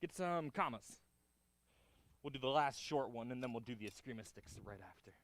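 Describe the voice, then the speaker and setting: A man's voice: medium pitch, expressive, normal speed, fairly bright tone. A man instructing a martial arts class, giving short clipped counts and cues along with encouraging feedback as he demonstrates moves.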